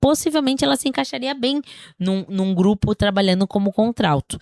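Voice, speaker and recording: A woman's voice: medium pitch, fairly quick, a little mellow, dry recording, studio quality. A woman singing teacher with a slightly sore throat, giving a casual spoken lesson, explaining things in a chatty way and often checking in with her listeners.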